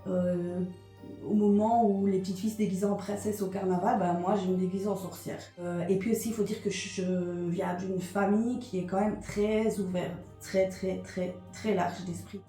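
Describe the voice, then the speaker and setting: A woman's voice: medium pitch, little pitch movement, moderate pace, dark tone, reverberant, faint music behind. A woman from Liège with a Belgian French accent, chatting hesitantly in a vlog, with lots of fillers and repetitions. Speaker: vlogger. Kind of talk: casual confessional chat.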